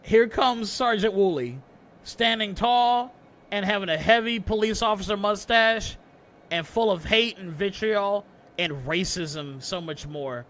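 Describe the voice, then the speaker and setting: Male streamer, mock-audiobook narration, high bright voice, dramatic, stumbles and laughs. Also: a little slow, a little hiss or hum. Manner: dramatic, breaks into laughter, stumbles over words.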